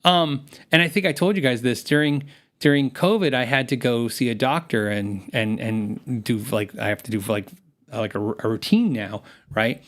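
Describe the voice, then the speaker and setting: Hosting a gear livestream, a man chats casually with viewers, reading out their comments and rambling with many restarts, his voice worn from long shows. It's medium in pitch, fairly bright, and moderately paced.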